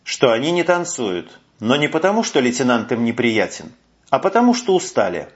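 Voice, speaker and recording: A man voicing a tired, conciliatory man who speaks in a measured, soothing way, on a muffled recording. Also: medium pitch, very animated, natural voice. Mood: placating. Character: tired middle-aged man, calm and conciliatory. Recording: muffled lo-fi audio.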